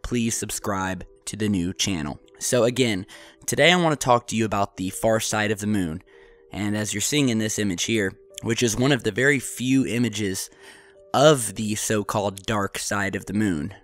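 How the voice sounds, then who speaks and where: A man's voice: lowish voice, moderate pace, fairly bright tone. A man with a congested, sick voice hosting a vlog, talking conversationally with frequent "uh" fillers. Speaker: host. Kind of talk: casual vlog narration.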